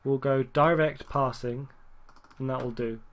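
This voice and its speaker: A man giving casual, rambling gameplay commentary, correcting himself often and getting excited at near misses. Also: mid-range voice, unhurried, slight background noise. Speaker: gaming YouTuber.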